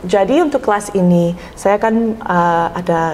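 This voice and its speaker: A woman's voice: fairly low pitch, animated, normal speed, darkish tone, slight background noise. American woman speaking Indonesian as a foreigner. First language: English. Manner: foreigner speaking Indonesian, with some English words mixed in. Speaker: university lecturer being interviewed. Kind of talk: casual interview.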